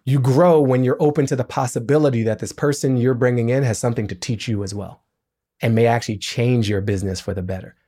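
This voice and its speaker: A middle-aged man speaks as a podcast guest, his voice at an ordinary male pitch. He explains with lively emphasis, pushing up on the lines that matter. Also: fast talker, slightly rough. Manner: animated, emphatic explaining with business analogies. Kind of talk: podcast interview.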